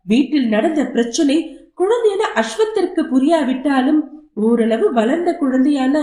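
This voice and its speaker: A woman reading an audio novel aloud with expressive storytelling. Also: high voice. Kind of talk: scripted story narration. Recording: roomy echo.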